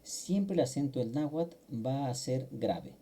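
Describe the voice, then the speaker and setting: A man's voice: medium pitch, expressive, a little slow, dark tone. Patient man teaching grammar. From Mexico. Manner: patient, explaining step by step with fillers. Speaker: language teacher. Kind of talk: online grammar lesson.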